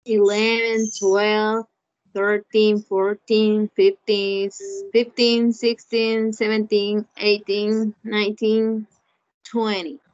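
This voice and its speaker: A woman's voice: medium pitch, little pitch movement, drawn-out words, darkish tone, lo-fi sound. A woman student in an online class, reciting English numbers carefully and asking her teacher a question. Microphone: video call.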